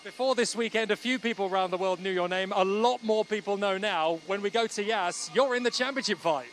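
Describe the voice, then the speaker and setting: Energetic male trackside interviewer, high voice, faint background noise. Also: fairly quick. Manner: energetic, upbeat questions. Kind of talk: post-race interview.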